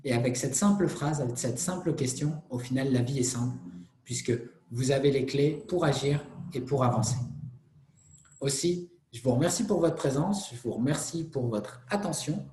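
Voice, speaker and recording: A man's voice: mid-range voice, normal speed, dark tone, reverberant, a little hiss or hum. A man giving a motivational talk in an earnest way, often repeating phrases and restarting words. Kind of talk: motivational presentation.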